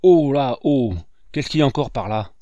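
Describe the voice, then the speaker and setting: A man reading aloud and voicing a gruff old brigadier who grumbles and bursts out loudly. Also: medium pitch, animated, normal speed, no echo, lo-fi sound, natural voice. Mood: grumbling. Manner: grumbling, loud outbursts.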